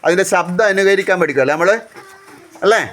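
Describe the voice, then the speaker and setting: On a school outing at a house, a teacher quizzes a group of children outdoors, repeating questions to coax answers. The voice is mid-range, brisk and a bit bright, with children's chatter audible behind.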